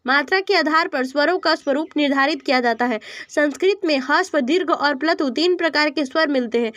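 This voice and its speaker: A woman reading out an exam study lesson, listing sounds one by one in a slow, deliberate way. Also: sits high, fairly bright tone, no room sound. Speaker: teacher reading exam answers.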